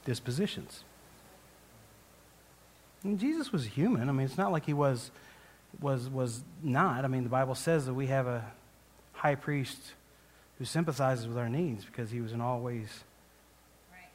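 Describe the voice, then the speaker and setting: Here a man with a medium, slightly mellow voice tells a rambling personal story in a guest sermon. He laughs at himself, keeps restarting, and keeps things conversational, while long hall reverb fills the recording.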